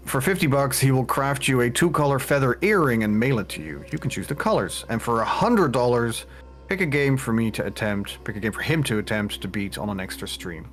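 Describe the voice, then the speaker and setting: A man co-hosting a game stream, reading charity rewards and joking casually. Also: on the low side.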